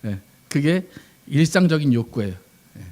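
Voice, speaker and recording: Pastor guy giving a sunday sermon, kinda high voice, chatty, keeps asking the people questions. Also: animated, a little fast, a little mellow. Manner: conversational preaching with rhetorical questions to the congregation.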